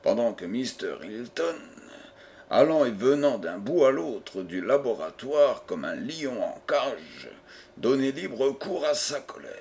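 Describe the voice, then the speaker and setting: Slow, measured male audiobook narrator. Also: mid-range voice, darkish tone. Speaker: audiobook reader.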